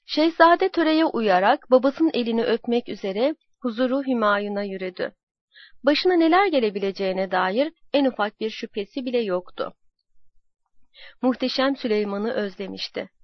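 A woman tells a historical tale in a slow, measured, dramatic manner. Her voice sits fairly high. The recording is dry and somewhat dull. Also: expressive, no echo. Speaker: narrator. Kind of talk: scripted historical storytelling.

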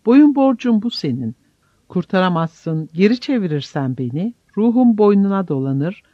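A man's voice: high voice, warm tone, no room sound, muffled recording, pitched above the performer's own voice, full character voice. A man reading an audiobook voices a proud, determined young noblewoman who pleads with impassioned defiance.

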